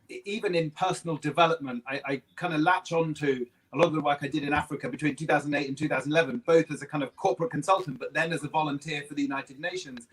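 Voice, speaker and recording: A man's voice: fairly high pitch, fairly bright tone, poor audio. A man speaking earnestly as a panel guest in an online chat, often repeating words as he starts a thought.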